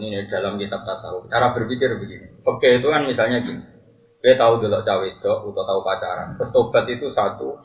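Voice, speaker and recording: Javanese man teaching, heard from far off. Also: lowish voice. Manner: joking, laughing often, chanting Arabic verses slowly. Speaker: religious teacher. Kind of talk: religious study lecture. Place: large hall at a religious boarding school. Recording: dull, roomy, distant.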